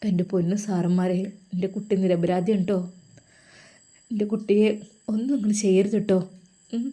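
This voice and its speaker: A woman's voice: medium pitch, fairly even intonation, moderate pace, warm tone, natural voice. A woman voicing a tearful old father pleading for his son in an audio story. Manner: sobbing, pleading.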